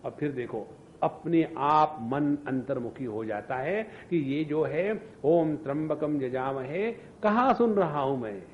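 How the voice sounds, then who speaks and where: A male spiritual teacher speaks in a slightly raised voice and delivers a scripture discourse. He asks rhetorical questions and at times breaks into chanting. The recording is dull and lo-fi, with a faint rumble underneath. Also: expressive, slow.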